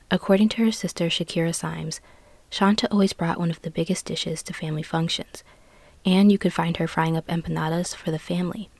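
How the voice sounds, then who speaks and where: A woman tells a scripted true crime story as the host. Her voice sits a little low and the sound is dry, with little room on it. She keeps a serious, measured storytelling manner. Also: a little mellow, dry recording.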